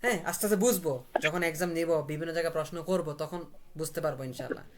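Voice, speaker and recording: Over a video call, a man with a slightly high voice teaches a live online language class, repeating words slowly and breaking them into syllables.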